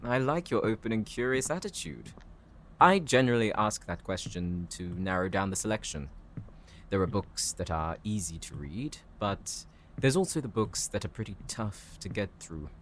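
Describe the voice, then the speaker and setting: A man playing a calm, bookish professor in an audio roleplay, speaking politely and formally. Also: lowish voice, moderate pace, slight background noise, lightly acted. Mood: courteous, helpful. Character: courteous, bookish male professor, calm and considerate. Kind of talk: scripted audio roleplay addressed to the listener.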